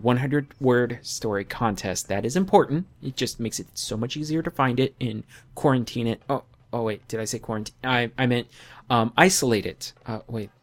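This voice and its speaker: A North American man hosting a podcast, chatting casually in a jokey, rambling way with stammered restarts. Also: mid-range voice. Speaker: podcast host.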